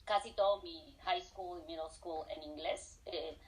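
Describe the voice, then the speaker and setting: In poor audio, a low-voiced middle-aged Colombian woman speaks a little slowly with fairly even intonation. A professor answering casual interview questions, she moves between Spanish and English, hesitant, with frequent fillers and restarts.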